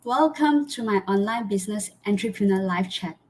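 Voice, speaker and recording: A woman's voice: mid-range voice, moderate pace. A woman from Malaysia, hosting a live online interview over a video call in an earnest way, with many fillers and restarts. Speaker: host.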